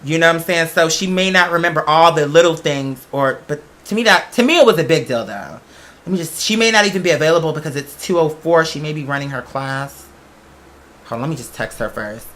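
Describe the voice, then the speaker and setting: Brisk and expressive, a man with a slightly high, fairly bright voice hosts a casual talk show. He shares personal stories in a chatty, emphatic monologue, sprinkling in self-questioning asides.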